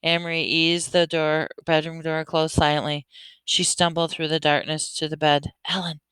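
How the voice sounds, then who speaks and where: A woman's voice: low voice, normal speed, smooth, no room sound, rough recording. Woman reading a children's novel aloud. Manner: steady, with self-corrections. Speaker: reader.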